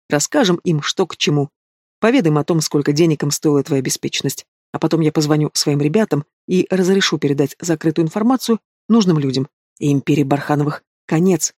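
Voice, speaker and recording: A cold, menacing young man full of cynical mockery, as a male narrator puts him on. He talks in a slightly high, clipped voice, close and dry with no room around it. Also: a little fast, a little mellow, no room sound, lightly acted. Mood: threatening. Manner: cold, mocking, threatening.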